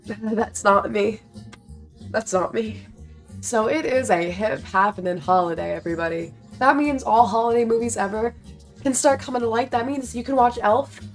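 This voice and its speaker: A woman with a hoarse voice from being sick, rambling sarcastically through improvised movie commentary. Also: mid-range voice.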